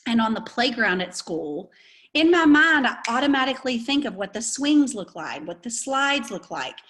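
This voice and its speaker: Young woman, classroom teacher on video, slow sound-stretching delivery for little kids. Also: mid-range voice. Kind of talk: kindergarten writing and read-aloud lesson.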